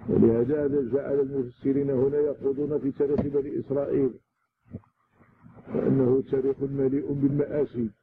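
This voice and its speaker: A man with a Moroccan accent teaches a scripture commentary, explaining point by point and repeating words to stress them. His voice has a gravelly, creaky edge. The recording is lo-fi and narrow, with loud noise underneath. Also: mid-range voice, level tone, a little fast. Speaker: religious teacher.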